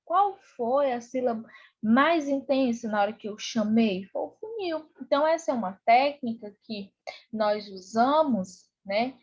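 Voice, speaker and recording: A woman's voice: on the high side, lively intonation, a little slow, breathy edge, dull audio. A Brazilian woman teacher giving an online lesson for children, patient and repetitive, checking in often. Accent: Brazilian Portuguese. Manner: patient, repeats with "né?" and "tá bom?".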